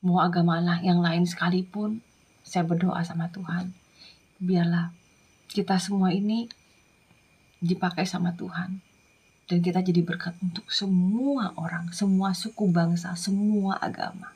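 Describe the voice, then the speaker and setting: Husky-voiced woman evangelist. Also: fairly low pitch, little pitch movement, unhurried, long pauses. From Madura, Indonesia. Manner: earnest, dropping into soft whispers. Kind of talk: emotional testimony.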